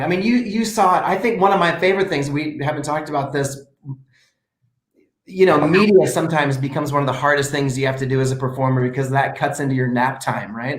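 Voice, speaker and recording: An animated man tells stories in casual chat, breaking off and restarting his sentences as he goes. His voice sits a little high for a man, and it rings in an echoey room. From United States. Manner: animated storyteller, restarts often. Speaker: performer and show host.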